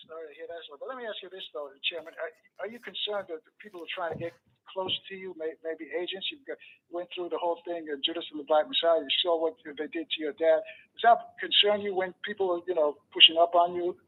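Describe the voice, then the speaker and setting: A man hosting a radio talk show, asking probing questions and sometimes starting in a halting way. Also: on the high side. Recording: thin phone-like radio line.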